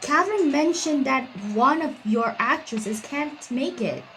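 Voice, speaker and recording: A woman streaming gameplay, reading dialogue choices aloud in a halting way, repeating words as she goes. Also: high-pitched, animated, a bit bright, a little hiss or hum, low-quality recording.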